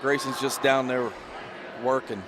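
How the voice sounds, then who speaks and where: A man calls high school wrestling matches live. He is folksy and excitable, and the gym behind him is clearly noisy. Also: a little slow. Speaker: play-by-play announcer.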